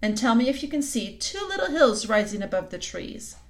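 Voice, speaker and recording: A woman with a rather high, very animated, brisk voice plays a sweetly scheming, cold queen who is tall and commanding. She coaxes a boy with sweet, sly promises, her manner silky and coaxing but suddenly sharp.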